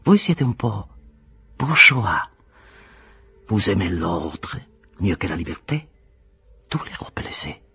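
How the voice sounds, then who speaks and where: A man reading aloud voices a mocking young foreign woman with a slightly veiled, pleasantly hoarse voice, in a storybook reading. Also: deep voice, big pitch swings, slow, pauses often, bright, forceful tone, heavily acted. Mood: teasing. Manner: mocking, playful.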